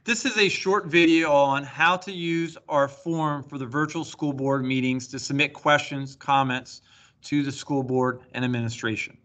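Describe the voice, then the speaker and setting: A man's voice: mid-range voice, steady tone, moderate pace, a bit bright. A man who works as a school district technology coordinator, giving a plain step-by-step screen-recorded walkthrough of an online form. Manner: plain step-by-step instructional delivery.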